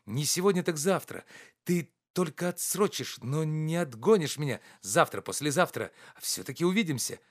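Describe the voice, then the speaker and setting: A man voicing an energetic, devoted male friend who pleads in a raised, fast, insistent voice. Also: fairly high pitch, pitched above the performer's own voice. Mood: urging.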